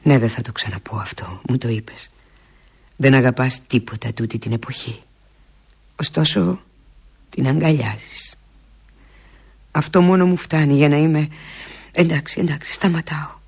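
A woman performing a theatrical monologue as a lovesick woman pleading with an absent lover, intimate and often slipping into breathy half-whispers. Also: extremely low pitch, pauses often, darkish tone, heavily acted. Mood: wistful.

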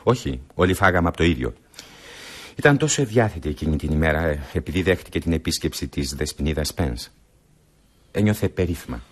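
An actor playing a brusque, scornful high-society husband accused of poisoning his wife, in a radio drama. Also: lively intonation. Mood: composed.

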